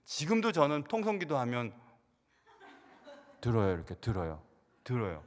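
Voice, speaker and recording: A middle-aged man, a senior pastor, preaching a sermon and telling stories, his voice rising loud and then dropping quiet, with repeated words. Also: medium pitch, wildly swooping pitch, normal speed, slight background noise. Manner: storytelling, swings from loud to hushed, repeats words. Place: church sanctuary. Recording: church sanctuary reverb.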